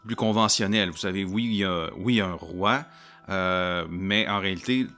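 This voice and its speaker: A man giving casual commentary while playing a game, explaining things in a halting way with frequent pauses and restarts. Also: low-pitched, bright, forceful tone, faint music behind. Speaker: game streamer. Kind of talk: casual commentary over gameplay.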